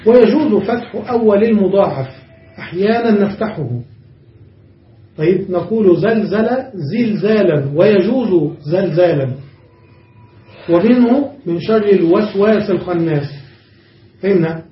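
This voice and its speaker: A man's voice: sits high, moderate pace. A man teaching a grammar class as a sheikh, explaining each rule step by step and checking that his students follow. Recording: dull, echoey room, distant mic.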